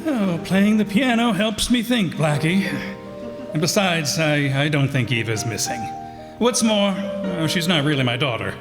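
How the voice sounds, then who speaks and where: In an old-time radio drama, a man with a slightly high voice and lively intonation plays the adoptive father of a wealthy young woman. Unhurried, unworried and evasive, he brushes things off with hesitant phrasing. Music plays behind him in an echoey hall.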